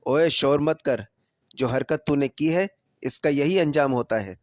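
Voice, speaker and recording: A man doing a gruff, mocking police constable. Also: medium pitch, no room sound, studio quality, natural voice. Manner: gruff and sarcastic.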